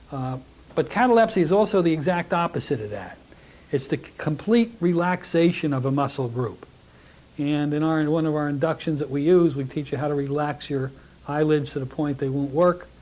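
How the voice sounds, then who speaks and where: A middle-aged man teaching a hypnosis class, relaxed and joking, with frequent restarts as he talks to the room. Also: fairly high pitch. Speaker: hypnosis instructor. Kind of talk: classroom lecture with demonstrations.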